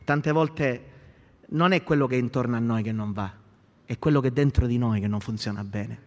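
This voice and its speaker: A man's voice: mid-range voice, normal speed. A male pastor preaching a sermon, building emphasis with rhetorical questions, in an echoey hall.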